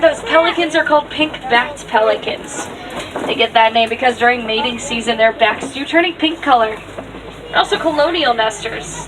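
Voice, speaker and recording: A woman giving live, upbeat tour commentary as a safari guide. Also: high voice. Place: outdoors on a moving safari ride vehicle. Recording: distant mic, noisy open vehicle with passengers.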